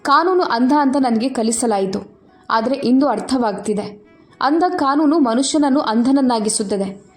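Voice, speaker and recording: A woman's voice: sits high, animated, unhurried, soft background music. A woman voicing a remorseful young male lawyer who speaks earnestly.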